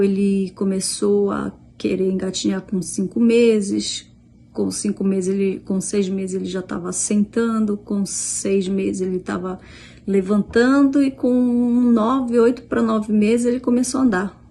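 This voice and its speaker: Woman, Brazilian Portuguese accent, middle-aged, warm dark voice, casual storytelling, quoted dialogue, at home. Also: mid-range voice, vocal fry. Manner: chatty, retells dialogue with many "aí eu falei" restarts. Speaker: vlogger, mother.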